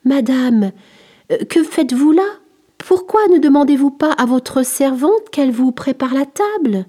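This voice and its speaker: Lady doing a curious innocent little boy, high and eager, storybook style. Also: lively intonation, measured pace, warm tone. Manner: eager questioning. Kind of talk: storybook reading.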